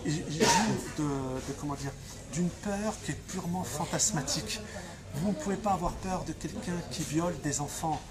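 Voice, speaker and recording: A man from Franche-Comté answering interview questions with fiery emphasis, often restarting and repeating himself. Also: a little high. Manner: impassioned, emphatic, with frequent restarts and repetitions. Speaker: activist being interviewed.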